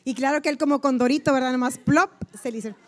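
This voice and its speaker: A woman preaches to women in a high, bright voice. She presses her key phrases slowly and with emphasis, and slips into little acted-out voices for the people she quotes. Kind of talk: sermon to women.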